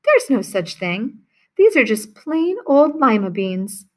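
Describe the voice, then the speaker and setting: A woman reading aloud and voicing a kind, plump old woman who gently helps a sick girl. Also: fairly high pitch, big pitch swings, slow. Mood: kindly. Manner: gentle, sweet-natured.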